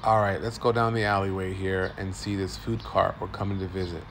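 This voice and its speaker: A man in his forties with a low, gravelly voice gives upbeat walk-and-talk commentary on street food. He films on a phone at arm's length outside among city food stalls. A faint hiss of street noise sits under his talk. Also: flat delivery, fairly quick, a bit bright. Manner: upbeat, tour-guide commentary. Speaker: food vlogger.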